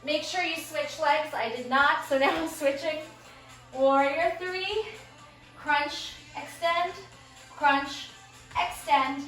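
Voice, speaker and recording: In a small, echoey room, a breathless woman calls out quick, upbeat cues to a workout class, heard through a distant mic over background music. Her voice is high-pitched with a fairly bright tone.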